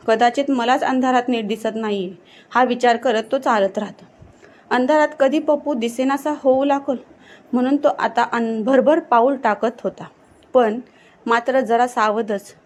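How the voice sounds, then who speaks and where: A woman narrating a horror story in a steady, suspenseful storytelling manner. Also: a little high.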